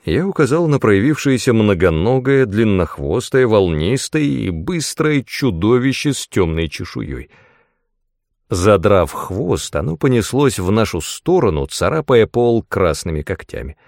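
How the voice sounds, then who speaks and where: A man narrating a fantasy audiobook in the first person, with expressive, dramatic storytelling. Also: fairly low pitch, unhurried, creaky, no room sound, clean studio sound.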